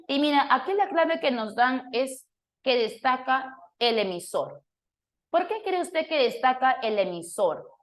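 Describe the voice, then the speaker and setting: A woman teacher who walks a class through a review lesson, explaining points and putting questions to students by name. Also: fairly high pitch. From Peru. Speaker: language teacher.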